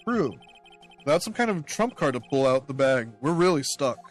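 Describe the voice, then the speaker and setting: A man's voice: medium pitch, very animated, moderate pace, faint music behind, pitched below the performer's own voice, lightly acted. A man voicing an earnest, somewhat nervous young male defense lawyer, in a voiced game playthrough.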